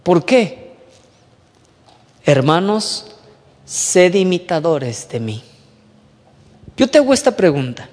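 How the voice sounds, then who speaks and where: A man preaching to a youth group, lively and conversational, mimicking whiny young voices and dropping low for emphasis. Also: slow, pauses often, big-room sound. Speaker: youth pastor. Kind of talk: sermon.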